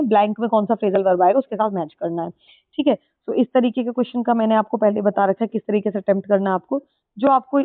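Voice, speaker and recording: A woman teacher, explaining exam questions step by step, mixing Hindi with English and reading the English question text slowly. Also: on the high side, dry recording. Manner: explains step by step, repeats answers, checks with "ठीक है". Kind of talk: exam-prep lesson in Hindi mixed with English. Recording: dry, tinny phone-like sound.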